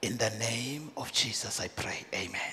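A middle-aged man preaching and praying in a church, speaking in short repeated phrases with pauses for an interpreter. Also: medium pitch, bright, forceful tone, slight background noise. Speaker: pastor. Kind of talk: sermon with prayer, paused for interpreter. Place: large church hall indoors. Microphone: handheld mic. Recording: reverberant church hall.

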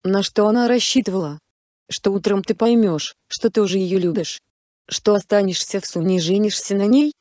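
A woman voicing a young fiancée who is hurt and fierce, sharp when angry. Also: mid-range voice, moderate pace, no room sound, studio quality, close to an everyday voice. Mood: furious. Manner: cold then furious.

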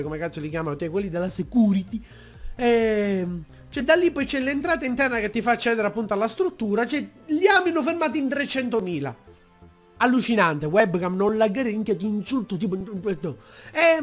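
A young man, telling a story on his vlog from a desk mic at home, acting out shouting fans. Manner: animated, acts out shouting fans in high yells. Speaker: YouTuber. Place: room at home. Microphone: desk mic with pop filter.

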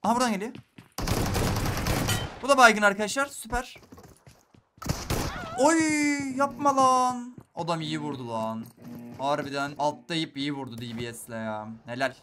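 A young gaming YouTuber gives live commentary while playing a shooter, talking straight to his viewers, excitably dropping to a hush and then bursting out loud. His voice is fairly high and fairly quick, with frequent pauses and background noise.

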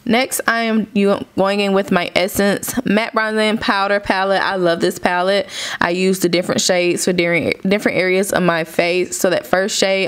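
A young woman with a smooth, clear voice talks through her makeup tutorial in an easy, chatty way. Her pitch sits a little low for a woman, and she explains each step as she goes. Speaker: beauty vlogger.

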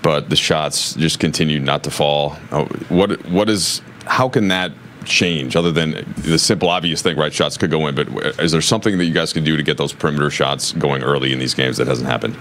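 A man, a reporter asking measured questions at a press conference. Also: very deep voice, a bit bright, a little hiss or hum.

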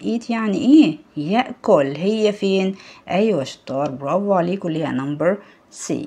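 A woman's voice: on the low side, darkish tone, husky. A woman with an Egyptian Arabic accent teaching English to young pupils in a recorded lesson, quizzing them and praising their answers. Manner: asks the children questions and praises them. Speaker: primary school English teacher.

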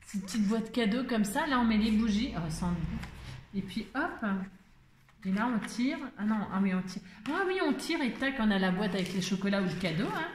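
A woman's voice: medium pitch, expressive, brisk, reverberant, background noise. A woman vlogger chatting casually and exclaiming as she unboxes crafts, talking to her viewers and to herself.

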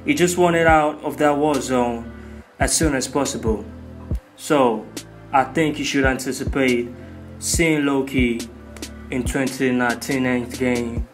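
Hosting a movie commentary video, a man talks in a hyped, casual, slang-heavy style. His voice is slightly high, with music playing in the background.

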